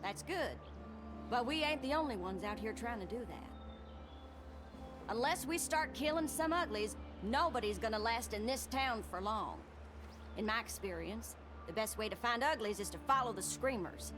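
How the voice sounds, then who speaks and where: A woman's voice: on the high side, lively intonation, normal speed, close to an everyday voice. An actress playing a tough, tired woman zombie survivor in a video game who talks bluntly and uses folksy slang. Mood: resolute. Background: game music.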